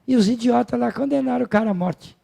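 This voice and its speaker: A man with a Brazilian accent giving a spiritist lecture, telling stories in a casual, animated way. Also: extremely high pitch, fast talker, creaky. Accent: Brazilian Portuguese. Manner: animated, colloquial storytelling with acted quotes.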